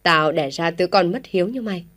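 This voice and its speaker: A woman reading aloud puts on an enraged old village father in a storybook tale. He scolds in quick, harsh bursts, and the voice sits fairly low. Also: a bit bright. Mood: furious scolding.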